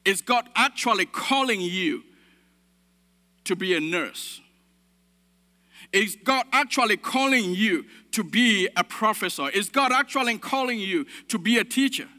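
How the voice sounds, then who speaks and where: A man's voice: high voice, animated, measured pace, sharp tone. A man from Cameroon preaching a sermon, driving points home with repetition and calls of amen. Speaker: pastor. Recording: long reverb of a large hall.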